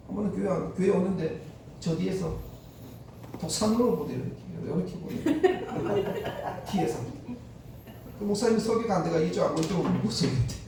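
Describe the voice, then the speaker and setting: A male pastor preaches a sermon in a high, lively voice, acting out the people in his stories. He is caught by a distant microphone in a church sanctuary. The hall gives a heavy, ringing echo, with faint noise underneath. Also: creaky. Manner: animated storyteller acting out quoted speech.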